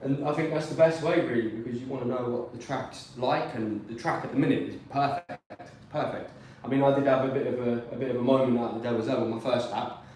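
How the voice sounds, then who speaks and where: A fast-talking racer from Peterborough, originally from South Wales, gives casual, upbeat, rambling guest commentary on the track. His mid-range, darkish voice has fairly even intonation; the audio is echoey and distant, off-mic, with slight hiss or hum.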